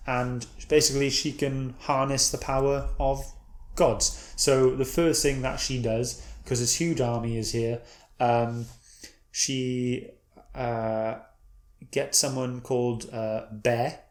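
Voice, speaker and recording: A man chatting his way through a comic book review, wandering from point to point and restarting his sentences as he goes. His voice sits at an ordinary middle pitch. The room around him is bare and echoey. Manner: meandering, self-correcting retelling. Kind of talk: casual read-and-review chat.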